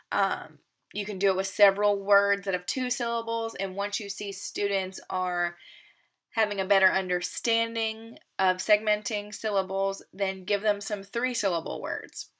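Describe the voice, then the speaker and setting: A woman teacher lays out a literacy lesson plan step by step. She speaks in a steady, methodical way at a middle pitch, now and then pausing on a filler. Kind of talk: explaining a lesson plan, partly read.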